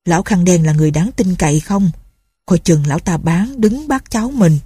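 A woman's voice: lowish voice, animated, moderate pace, mellow, breathy edge, no room sound, studio quality. A woman voicing a fearful, bitter old peasant man who laments his fate. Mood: lamenting.

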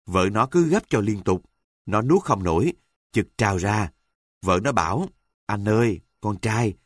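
A man telling an earthy, humorous first-person story with a wry, deadpan delivery. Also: lowish voice, unhurried, dry recording, clean studio sound.

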